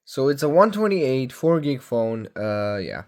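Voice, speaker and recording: A young man of about nineteen talks through his phone collection at home in a loose, unscripted way. His voice sits at an ordinary middle pitch, and he stumbles, restarts and fills gaps with "uh" and "like" as he goes. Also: sing-song, a little mellow. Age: young adult. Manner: rambling, halting, many fillers and self-corrections. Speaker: tech vlogger. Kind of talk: casual phone review.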